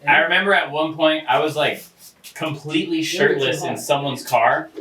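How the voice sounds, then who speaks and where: A man's voice: fairly high pitch, moderate pace, pushed and bright, slight background noise. A young man chatting casually with friends, recalling things in an emphatic, profane, self-mocking way. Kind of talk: casual chat among friends. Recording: roomy sound, mic at a distance.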